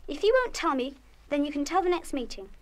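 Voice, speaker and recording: A woman's voice: high-pitched, very animated, fast talker. An actress playing a bossy senior schoolgirl monitor in a children's radio play, speaking in an emphatic, prefect-like way. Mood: stern, scolding. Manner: scolding, emphatic. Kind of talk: 1970s full-cast children's radio play acting.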